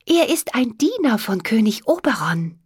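A woman's voice: on the high side, very animated, normal speed, darkish tone, breathy edge, dry recording, clean studio sound, pitched above the performer's own voice, full character voice. A woman voicing a tiny, bubbly female winged creature in a storybook. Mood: eager.

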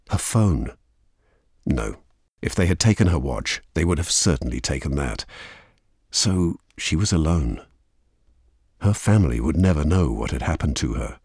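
A man giving measured, dramatic audiobook narration. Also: extremely low pitch, a little mellow, breathy edge, dry recording, studio quality.

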